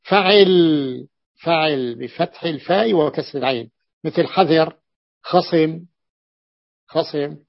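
A man with a gravelly, fairly high voice leads a classroom lesson, repeating key terms and stretching his fillers as he thinks. The recording is dull and lo-fi. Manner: repeats terms, many drawn-out "aah" fillers. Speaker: teacher of Arabic morphology. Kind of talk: classroom lesson explaining a text.

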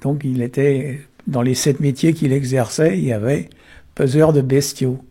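Man, gravelly voice, husky tone, unhurried explainer, tag words throughout. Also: medium pitch, steady tone, dark tone. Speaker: Breton language explainer. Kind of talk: explanatory talk on word origins.

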